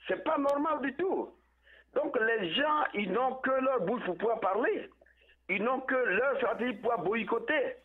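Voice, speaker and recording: A man calling in over a poor phone connection, giving political commentary in a halting way and repeating words as he searches for them. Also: very high-pitched, animated. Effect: tinny phone line with poor connection. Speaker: phone-in caller. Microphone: telephone. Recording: tinny phone line.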